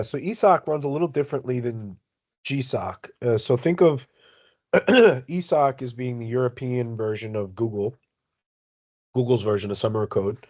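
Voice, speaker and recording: A man on a video call explaining things in an online work meeting, speaking in a measured, halting way as the project lead. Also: medium pitch, darkish tone. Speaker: project maintainer leading a community meeting.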